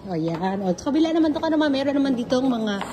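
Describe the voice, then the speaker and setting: A woman's voice: high-pitched, big pitch swings, fast. A woman vlogging a casual hotel tour, chatting as she points things out and calls to her child. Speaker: travel vlogger. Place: hotel lobby and halls, indoors. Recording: handheld camera, noisy background.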